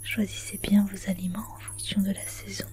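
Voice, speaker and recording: A woman offers guided wellness advice in a soft, breathy ASMR whisper that stays hushed throughout. Her medium-pitched delivery is flat and measured, instructional in tone, and broken into short phrases with little melodic movement.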